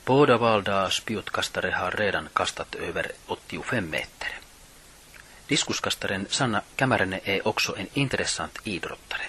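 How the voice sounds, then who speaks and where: Male radio presenter, middle-aged, low husky voice, plain scripted read. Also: lively intonation, bright, forceful tone. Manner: reads from notes, measured and plain.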